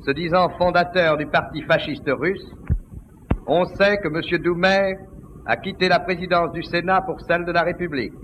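A man's voice: on the high side, lo-fi sound, slight background noise. A male announcer reading the news in a formal, declamatory way, heard on an old 1930s newsreel. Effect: old 1930s newsreel recording.

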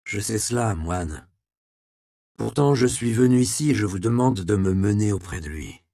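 A man's voice: lowish voice, expressive, gravelly, warm tone, no room sound, clean studio sound. A man voicing a firm, authoritative nobleman in an audiobook. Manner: firm, measured.

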